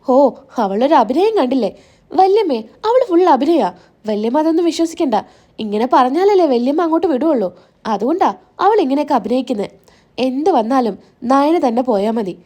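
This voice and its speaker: A woman's voice: high-pitched, very animated, moderate pace, dark tone. A woman reading a scornful, scheming young woman. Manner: mocking, complaining.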